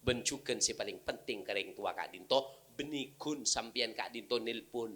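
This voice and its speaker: Lively Madurese-accented preacher. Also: male voice, medium pitch, normal speed, breathy edge. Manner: animated, mixing Madurese and Indonesian, sudden loud outbursts and mock crying. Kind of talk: humorous sermon.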